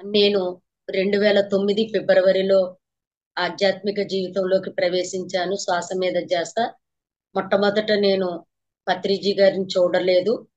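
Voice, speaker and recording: A woman meditation teacher giving a spiritual talk to a class, telling her story earnestly and repeating phrases for emphasis. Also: mid-range voice. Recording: slightly dull lo-fi recording.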